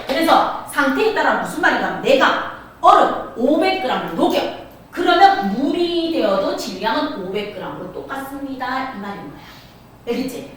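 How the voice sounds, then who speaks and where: Woman, high lively voice, science teacher, singsong questions, echoey room from far off, noisy. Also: moderate pace. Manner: lively, singsong prompting questions, repeats key points. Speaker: middle school science teacher. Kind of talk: classroom lecture.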